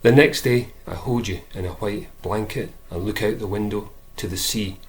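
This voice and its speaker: Low-voiced man reading his poems. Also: moderate pace. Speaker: poet. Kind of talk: poetry reading.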